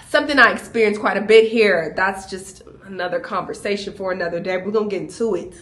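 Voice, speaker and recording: A young woman vlogging a casual travel storytime, animated and laughing as she acts out what people said to her. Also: mid-range voice, a little fast.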